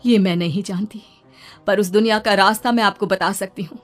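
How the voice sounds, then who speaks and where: A woman voicing the calm spirit of a dead village wife in a cartoon story, with soft music behind. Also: mid-range voice, a little fast, lightly acted.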